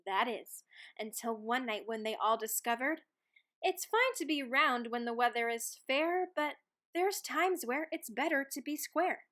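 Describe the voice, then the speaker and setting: A woman reads a rhyming children's picture book aloud as a storybook reader, expressively and with dramatic emphasis on key words. Her voice sits high, with lively intonation, a slightly slow pace, and a fairly bright tone.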